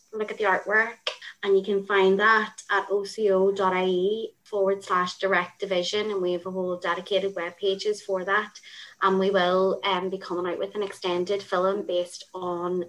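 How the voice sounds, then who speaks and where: A woman presents her work on a panel with eager, chatty enthusiasm. Her voice sits at an ordinary middle pitch, and she leans on casual fillers as she talks. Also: fairly bright tone, low-quality recording. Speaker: children's rights project worker.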